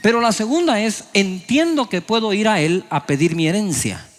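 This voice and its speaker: A man's voice: high voice, animated, moderate pace. A man preaching a sermon as a pastor, acting out people's prayers in raised voices.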